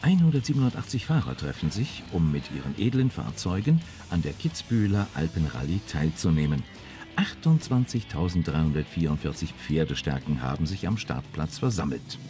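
A man narrating a car magazine report in a measured, informative voice-over. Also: extremely low pitch, big pitch swings, mellow. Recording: voice-over with music beneath.

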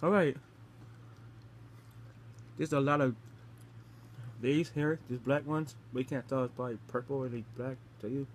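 A man's voice: medium pitch, steady tone, a little slow, long pauses. A young adult man chatting casually to the camera as he hosts a taste challenge, eating gross jelly beans. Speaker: vlogger hosting a taste challenge. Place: small bedroom indoors. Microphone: phone camera at arm's length. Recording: noisy home phone-camera recording.

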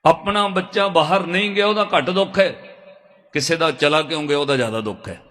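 A man's voice: fairly high pitch, fairly quick, pushed and bright. A man preaching a storytelling sermon to a congregation, earnest and pleading, sometimes breaking into sung verses. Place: large hall with a congregation. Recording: long reverb of a large hall.

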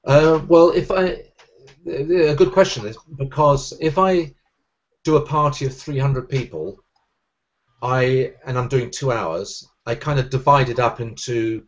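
Calling in over webcam from a room in his home, an English magician guest in his forties talks with quick energy and crisp, clear diction, gesturing as he goes. His voice is mid-range with a Southern English Sussex accent. The casual interview's sound is lo-fi.

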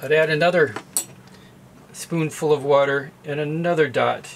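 A methodical middle-aged man demonstrates at the sink in a boat galley for a sailing how-to video. He speaks at a normal speed in a slightly high voice with vocal fry, explaining plainly with occasional fillers. There's slight background noise.

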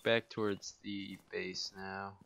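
A man's voice: low-pitched, level tone, slow pace, gravelly, fairly bright tone, slight background noise. A man in casual voice chat during an online shooter, calling out enemies and laughing nervously. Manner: jittery, laughs often, calls out positions. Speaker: gamer.

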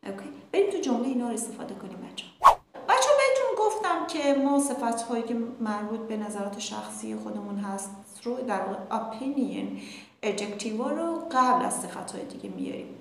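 Lively woman teaching in an echoey room. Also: medium pitch. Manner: lively, addresses viewers as kids, slows down to model English phrases. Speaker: English teacher. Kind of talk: online language lesson. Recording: very echoey room with faint background noise.

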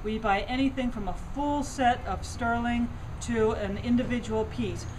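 Middle-aged woman, fairly high voice, enthusiastic shop tour, indoor store, faint background hum. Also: fairly even intonation, a little slow. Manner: enthusiastic, conversational with fillers and restarts. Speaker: antiques shop representative. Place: indoor antiques shop among display cases.

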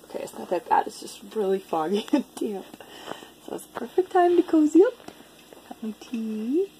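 A woman's voice: fairly high pitch, normal speed. Chatty woman vlogging from a noisy sailboat. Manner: chatty, laughing easily, excited. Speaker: sailing vlogger. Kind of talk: casual vlog narration. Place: on a sailboat on a foggy lake and in the cabin. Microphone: handheld action camera at arm's length. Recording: camera audio with wind and water noise.

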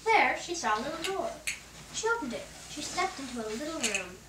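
A woman's voice: high voice, very animated, brisk. A girl reading a fairy tale aloud, with small slips and restarts. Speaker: storyteller. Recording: echoey room, far from mic, loud kitchen noise.

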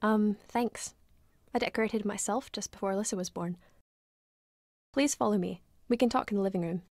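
An actress voicing a polite, careful young mother in a video game, speaking in a measured, slightly wary way. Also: mid-range voice, darkish tone, dry recording, clean studio sound, lightly acted.

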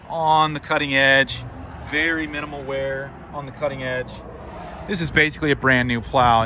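Man, 30s, equipment dealer, casual sales pitch to a phone camera at arm's length, plainspoken and chatty with fillers, outdoors with faint traffic behind. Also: pushed and bright. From Missouri, USA. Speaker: equipment dealer presenting a product. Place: outdoors in a sunny equipment lot by a road. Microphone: phone camera held at arm's length.

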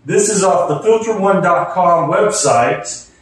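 A middle-aged man hosts a casual car audio vlog, talking through a hands-on install and review while thinking aloud. His voice is high-pitched with lively intonation and a measured pace. He moves between a garage, the car and the house interior, and the recording has a roomy echo.

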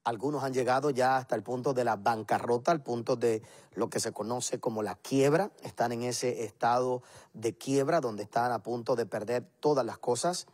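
A man's voice: mid-range voice, moderate pace, a little mellow. A man, a pastor, preaching and praying on a televised program, earnest and building his points in emphatic repeated lists. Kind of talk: televised sermon and prayer.

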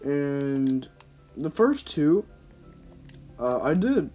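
A gaming YouTuber gives casual, rambling gameplay commentary in slangy, informal speech, talking to himself and his viewers. His voice is on the high side, sing-song and mellow with drawn-out words, and faint music plays behind him.

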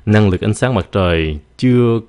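A man with a very low voice teaches English vocabulary in a relaxed, chatty way. He stretches each English word out slowly for practice, then explains it quickly in his own language. The sound is dry and close. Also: smooth, no room sound. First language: Vietnamese. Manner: repeats words slowly to drill pronunciation, then switches to quick explanation. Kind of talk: casual teaching in Vietnamese with English examples.

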